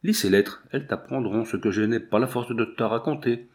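Guy doing a heartbroken old general, lower voice, shaken and lamenting, audiobook. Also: fairly quick, darkish tone, natural voice. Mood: anguished. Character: grief-stricken elderly father, a general.

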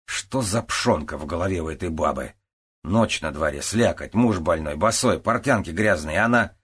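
A male narrator reads a gruff, commanding older police captain in a storybook. He is brusque and blunt, and his voice is very low and husky. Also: normal speed.

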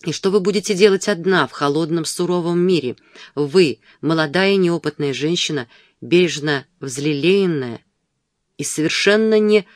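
An ardent young gentleman pours out a passionate, insistent plea in a storybook reading, as a man puts him on. The voice sits fairly high for a man and sounds close and dry. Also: normal speed, dry recording, lightly acted. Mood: pleading. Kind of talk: audiobook dialogue.

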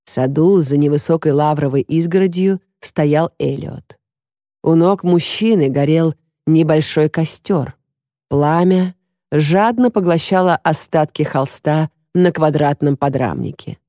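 A woman narrating an audiobook at a measured, even pace. Her voice is low and dark, recorded dry on a close mic. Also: no echo.

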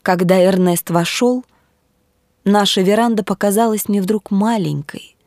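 A woman narrates a literary audiobook in a measured, steady way. The recording is dry and close, with no room sound. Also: medium pitch, dry recording.

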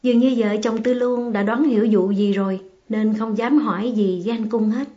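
A woman narrating an audiobook in a measured, emotive reading. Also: fairly high pitch, steady tone, warm tone. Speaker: audiobook reader. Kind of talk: storybook narration. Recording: slightly muffled, faint music behind.

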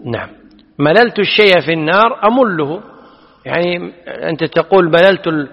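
A man's voice: fairly high pitch, moderate pace, gravelly. A man teaching a lesson on a classical text, patiently explaining and putting questions to his students. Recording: dull audio, long hall reverb.

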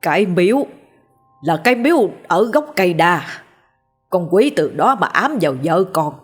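A woman's voice: fairly low pitch, big pitch swings, moderate pace, husky, faint music behind. A woman voicing a frightened old village father who pleads and wails over his son. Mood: pleading. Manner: pleading, wailing.

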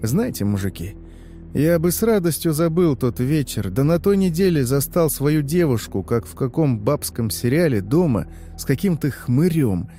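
A man's voice: fairly high pitch, sing-song, moderate pace, mellow, faint music behind. A man in the role of a taxi driver, telling a horror story in a conversational, confiding way. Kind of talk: scripted horror narration.

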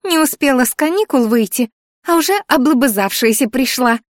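A woman's voice: sits high, animated, fairly quick, no echo, clean studio sound, voice pushed up. Woman putting on a grumpy talking flower. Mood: grumbling. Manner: grumbling, huffy.

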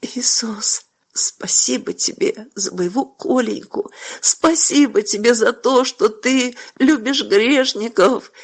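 A woman voicing a remorseful mother in a story, speaking softly and breathily, close to a whisper. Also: a little high, slow pace, slightly rough, heavily acted. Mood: prayerful. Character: troubled mother, remorseful and tearful.

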